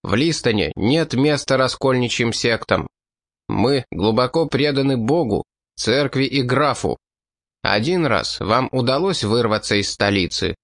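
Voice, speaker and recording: A man reading an audiobook, voicing a hateful, zealous old priest who accuses and threatens in a shrill, hysterical way. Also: fairly bright tone, no echo, clean studio sound.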